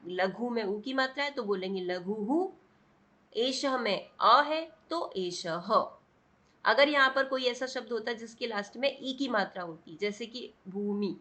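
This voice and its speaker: A woman's voice: a little high, sharp tone. A woman teaching a class lesson, patient and repeating checks for understanding. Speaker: Sanskrit teacher. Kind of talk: classroom explanation.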